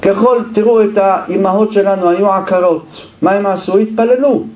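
A man teaching a religious sermon, emphatic and full of rhetorical questions, chanting quoted verses slowly. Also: high voice, fairly even intonation, a little mellow. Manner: emphatic, asks rhetorical questions and answers them. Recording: roomy echo, dull lo-fi sound.

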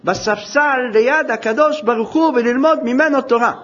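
A man giving a storytelling sermon, dramatic and swinging from hushed tones to shouting. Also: extremely high pitch. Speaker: preacher. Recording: dull lo-fi recording.

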